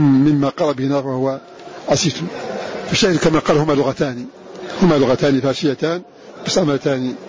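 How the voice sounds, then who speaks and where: A man giving a measured lecture on Quran readings, repeating verse lines slowly before explaining them. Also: a little high. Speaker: Quran recitation teacher. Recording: dull lo-fi recording with clear hiss.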